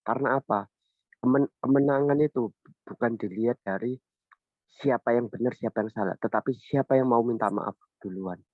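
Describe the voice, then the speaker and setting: A man, sharing about parenting in a casual, halting way on a video call. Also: medium pitch, no echo. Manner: halting, many restarts and fillers. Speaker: parent sharing in a church group. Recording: tinny video call audio.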